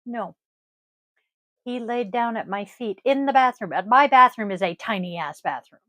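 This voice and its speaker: A woman with a wheezy voice chats casually to viewers as host, rambling in a halting, self-deprecating way. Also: fairly high pitch, animated, pushed and bright, no room sound, studio quality. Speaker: host of a divination vlog. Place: indoors at a desk.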